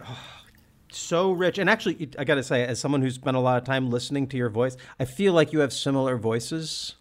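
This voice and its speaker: A man's voice: mid-range voice, fairly quick. Enthusiastic man hosting a film chat. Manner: enthusiastic, searching for words with many restarts. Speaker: podcast host. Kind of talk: casual film discussion.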